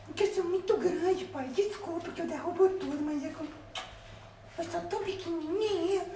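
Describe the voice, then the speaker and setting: A man's voice: very high-pitched, normal speed, warm tone, roomy sound, distant mic, slight background noise, voice pushed up. A man voicing his big, clumsy female pet dog in sweet, apologetic baby talk.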